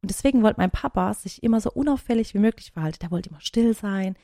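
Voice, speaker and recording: A woman in her thirties, a podcast co-host, chatting casually and telling long stories in an animated way. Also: mid-range voice, fast, no room sound, clean studio sound. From Germany. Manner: animated storyteller, talks at length. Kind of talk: casual chat.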